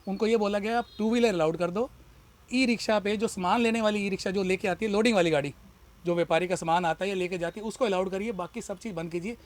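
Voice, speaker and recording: In a street interview, a shopkeeper who is also a party worker argues passionately. His voice is high-pitched and his pace quick.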